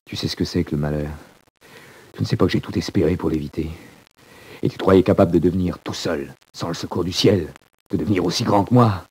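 Hardened convict, 1940s radio drama, very low dark voice, grave, bitter. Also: male voice, a little fast, husky. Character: hardened male convict, proud and weary.

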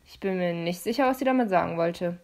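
Cocky teen boy hunter, a lady reading it out, lower and louder than her own voice, smug and clipped, audiobook. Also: fast talker, close to an everyday voice. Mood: dry. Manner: smug and curt. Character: cocky teenage boy demon hunter, condescending.

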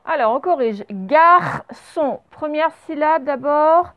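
A woman's voice: high-pitched, animated, slow. Patient woman teacher spelling aloud. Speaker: primary school teacher. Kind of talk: remote spelling and dictation lesson. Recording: slightly dull, lo-fi home recording.

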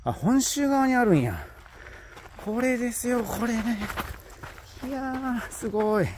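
A man's voice: very high voice, expressive, unhurried, noisy background. A man with a Kansai accent narrating his own hike in a casual travel vlog, chatty and full of exclamations as he talks to himself, filmed outdoors on a handheld phone. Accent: Kansai Japanese. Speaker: travel vlogger. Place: outdoors on a rocky hillside. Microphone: handheld smartphone.

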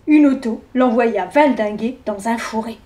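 A woman reading a fairy tale aloud to children in a lively, expressive way. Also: a little high, measured pace, noisy background. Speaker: storyteller for children.

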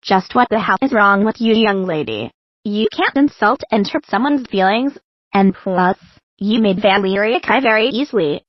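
A woman's voice: mid-range voice, animated, normal speed, no echo, highs cut off, natural voice. A woman's synthetic voice as a stern scolding mom. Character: stern scolding mother of a bratty girl.

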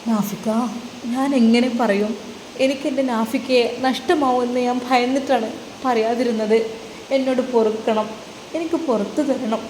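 A woman's voice: on the high side, steady tone, normal speed, darkish tone, echoey room, in a large hall, slight background noise, lightly acted, rough recording. A woman voicing a frightened young pregnant wife who pleads tearfully with her husband. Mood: pleading fearful.

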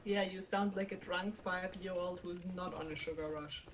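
A woman's voice: on the low side, steady tone, normal speed, crowd noise. A woman chatting casually while gaming, teasing the others and laughing easily. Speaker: co-host of a game chat. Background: music.

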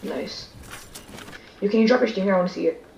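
Woman gamer, slightly low register, casual squad talk, clearly noisy echoing voice-chat sound. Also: fairly quick, darkish tone, highs cut off. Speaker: video game player. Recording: noisy, echoey game voice chat.

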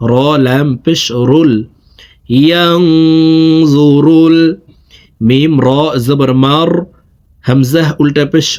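A man with a Bangladeshi accent teaching Quran reading, spelling each letter and then drawing out the joined syllables, with quick plain explanations in between. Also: a little high, fairly even intonation, darkish tone. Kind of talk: slow spelled-out recitation lesson.

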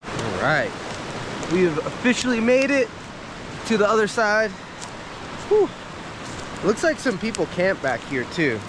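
Male outdoor vlogger, casual and chatty, high-ish unhurried voice; field recording with heavy creek noise. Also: wildly swooping pitch. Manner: chatty, laid-back, talks to his dog. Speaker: hiking vlogger. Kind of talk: casual outdoor vlog narration. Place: outdoors by a rushing creek in pine woods. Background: rushing creek water.

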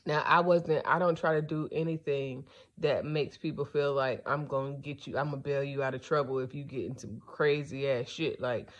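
A woman's voice: low voice, fairly bright tone, dull audio. A woman podcast host giving a casual, rambling monologue, blunt and profane, sleepy and yawning.

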